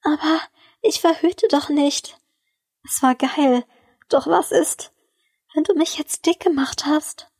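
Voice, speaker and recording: Eine Frau spricht eine aufgebrachte, flehende junge Frau in einer Hörgeschichte, mit hoher, stockender Stimme. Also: female voice, high-pitched, fairly even intonation, slow pace, pauses often, darkish tone, dry recording, clean studio sound, voice pushed up. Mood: pleading. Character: young woman, upset and pleading.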